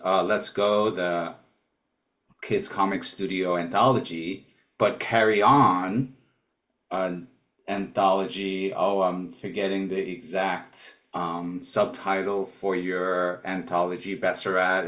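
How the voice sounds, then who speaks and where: A man's voice: low-pitched, fairly bright tone. A man hosting a live video call, rambling a little with fillers. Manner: loose, rambling, many fillers. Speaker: host. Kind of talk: casual video call chat.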